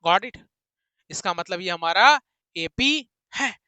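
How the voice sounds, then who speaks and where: High-pitched jokey man teaching maths. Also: lively intonation, slow, smooth, no room sound, muffled recording. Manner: jokey, teasing, sing-song, switches between loud and soft. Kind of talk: playful online maths lesson.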